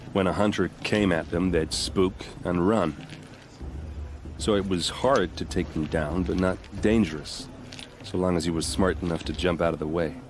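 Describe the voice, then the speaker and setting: For a video game cutscene, a deep-voiced warrior speaks in a friendly, plain and wry manner. He takes pride in his people and boasts in a folksy style, against faint ambient noise.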